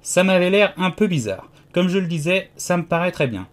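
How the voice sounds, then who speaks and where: A man's voice: high-pitched, animated, moderate pace. A man reading a pompous egg man. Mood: smug. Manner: haughty, lecturing. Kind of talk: audiobook character reading.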